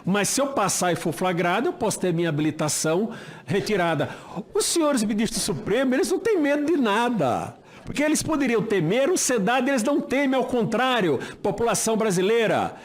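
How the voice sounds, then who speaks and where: With a high voice, big pitch swings and a brisk pace, an older Brazilian man makes an impassioned political speech. A former judge speaking at a senate hearing, he is emphatic, posing rhetorical questions and repeating phrases.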